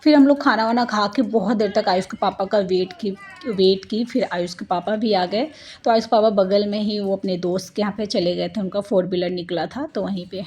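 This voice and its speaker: Speaking at normal speed in a medium pitch that's a little mellow with a breathy edge, a woman in her thirties from India narrates her family vlog. As a vlogging mother, she rambles chattily and drops in plenty of homely asides.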